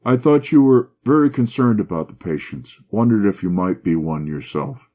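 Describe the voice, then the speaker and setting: A man voicing a young country doctor with a cold, husky, with a slight Scottish accent and a dry, sarcastic manner. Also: lowish voice, animated, normal speed, pitched above the performer's own voice. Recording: dull lo-fi audio.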